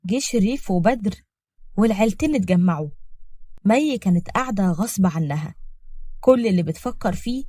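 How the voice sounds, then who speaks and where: A woman's voice: medium pitch, mellow, dry recording. A woman telling a dramatic family story in Egyptian Arabic, voicing every character herself.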